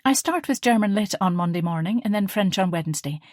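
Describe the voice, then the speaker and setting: A woman reading the part of a young female student and caring older sister in an audiobook, earnest and expressive. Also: mid-range voice, a little fast, no echo, studio quality, close to an everyday voice. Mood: weary.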